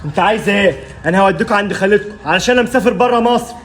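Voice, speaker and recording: A man's voice: sits high, very fast, noisy background, close to an everyday voice. A man playing a rude, hot-tempered thug father in an amateur web drama, scolding harshly in an Egyptian Arabic accent. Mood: threatening. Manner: scolding, brusque, shouting.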